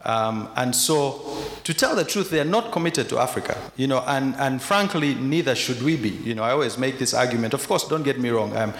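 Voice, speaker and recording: A man's voice: mid-range voice, expressive, brisk, a bit bright. A man from Uganda speaking as a panelist at a conference, making a candid, argumentative case with frequent restarts. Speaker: panelist, investor. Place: large conference hall with audience. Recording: echoey hall, faint noise.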